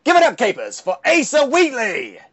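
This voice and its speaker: A man's voice: extremely high pitch, wildly swooping pitch, a bit bright, husky, highs cut off. A man hosting a podcast, theatrical and jokey in casual chat. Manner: theatrical, rapid-fire jokey. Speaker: podcast host.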